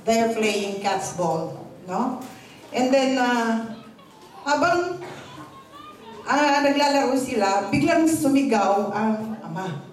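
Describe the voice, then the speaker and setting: A woman's voice: a little high, lively intonation, slow, long pauses, a little hiss or hum. A woman pastor preaching a morning sermon, telling a story politely and switching between Tagalog and English. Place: church service, morning gathering. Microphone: handheld or stand microphone. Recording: very echoey hall, voice from a distance.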